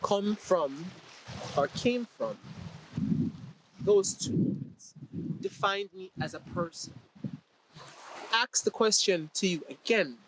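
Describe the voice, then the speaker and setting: A man hosting his vlog, giving a slow, deliberate motivational talk to the camera and asking the viewer rhetorical questions. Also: high voice, expressive, a little hiss or hum, poor audio. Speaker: vlog host.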